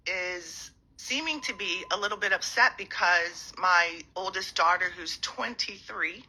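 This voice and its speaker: A woman's voice: fairly low pitch, measured pace, pushed and bright, husky, rough recording. A woman who has just woken up, talking to her followers on a handheld phone in a rambling, hesitant way with many ums. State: just woke up, a little winded. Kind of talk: casual morning phone livestream.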